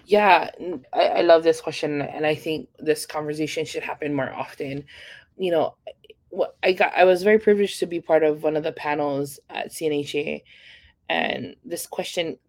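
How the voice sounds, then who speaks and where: A woman's voice: low-pitched, fairly even intonation, moderate pace, darkish tone, no room sound. A woman from Hawaii, speaking earnestly as a podcast guest and stressing her points through repetition. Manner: earnest, emphatic, repeats key points. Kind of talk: casual podcast conversation.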